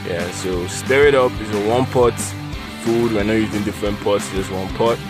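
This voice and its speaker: A low-pitched man narrates a recipe casually, with loud guitar music behind him. He is playful and goofy, repeating phrases as he goes. It sounds like a homemade, joking voice-over. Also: moderate pace. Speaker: cooking video narrator. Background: loud plucked guitar music.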